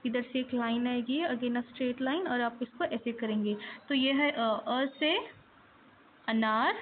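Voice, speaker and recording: Woman teacher, high voice, slow, careful delivery, lo-fi phone-like recording. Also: slight background noise. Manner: mixes English words into Hindi, stretches sounds for pronunciation. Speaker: Hindi teacher. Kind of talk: slow, patient teaching with drawn-out example words.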